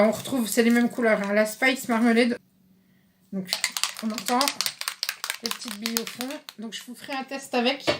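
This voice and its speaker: A woman chatting casually in a craft haul video, reading out English product names haltingly. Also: a little high, a little hiss or hum. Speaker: craft vlogger.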